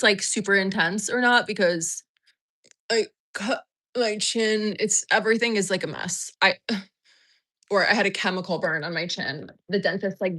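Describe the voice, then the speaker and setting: A woman hosting a casual livestream from home, chatting loosely with viewers, reading out super chats and rambling from one thing to the next. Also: sharp tone. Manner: baby talk to her dog in a high voice. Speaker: host of a livestream show.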